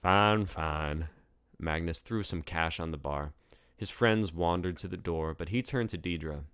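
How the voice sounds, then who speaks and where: A deep-voiced man reads fiction as the author of his own book, telling the story in a scripted way. His delivery is smooth and at normal speed, and the recording is very dry with no room sound.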